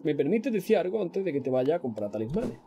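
A man's voice: a little high, sing-song, fast, muffled recording, faint music behind. A young man with a Spanish accent from Spain, casually commenting on a game he is streaming and joking with his chat. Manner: chatty and joking, talks to chat. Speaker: gaming streamer. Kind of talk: casual let's-play commentary.

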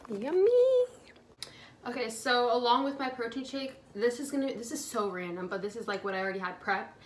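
A woman's voice: a little high, fairly even intonation, fast, a little hiss or hum. A young woman chatting casually to camera in a fitness vlog, rambling and filling gaps with "like" and "um". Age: young adult. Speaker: fitness vlogger. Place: home kitchen.

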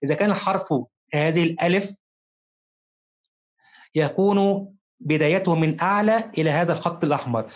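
A man teaching a recorded primary-school lesson, addressing his pupils fondly and slowing down to read examples word by word. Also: a little high. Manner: slow, careful dictation-style reading of examples. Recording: dull, lo-fi recording.

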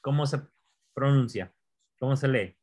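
A man's voice: mid-range voice, a little mellow. A man teaching Hebrew pronunciation step by step, repeating words and quizzing his learner. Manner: slow, repeats words, asks the learner questions. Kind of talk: patient classroom explanation.

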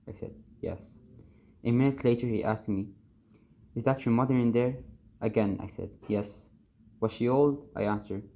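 Man with a low, gravelly, flat voice. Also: a little hiss or hum. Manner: measured, even first-person reading. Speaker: reader of a book excerpt. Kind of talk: reading a novel aloud.

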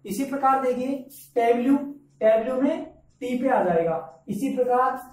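A man teaching English pronunciation, who repeats words slowly and keeps asking his listeners questions. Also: very high voice, a little mellow. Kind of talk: classroom lesson in Hindi. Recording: echoey room, from far off.

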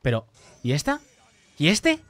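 A young man streams a game live, chatting with viewers, reading their messages aloud and answering them, and swearing often. His voice sits on the high side and is a bit bright, with wildly swooping pitch at a measured pace.

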